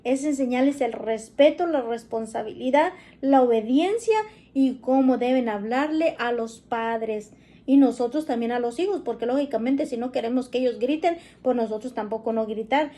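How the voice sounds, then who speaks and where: A woman's voice: high-pitched, mellow. A woman giving a casual religious talk on parenting, often adding a questioning tag to her points. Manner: chatty, often adds "¿verdad?".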